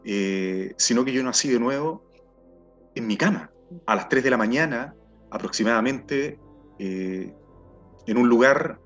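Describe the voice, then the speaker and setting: A middle-aged Chilean man telling his personal testimony in an earnest, halting way, often repeating words as he searches for them. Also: medium pitch, expressive, a bit bright. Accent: Chilean Spanish. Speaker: testimony speaker. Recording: dull sound with faint music behind.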